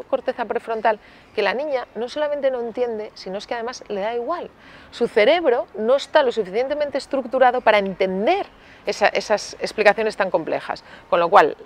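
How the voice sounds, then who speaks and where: A woman pediatrician explaining parenting in an interview, lively and acting out parent and child exchanges, often checking in with "¿vale?". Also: a little high, slight background noise. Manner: lively, acts out parent and child dialogue in storytelling; uses many filler tags like "¿vale?".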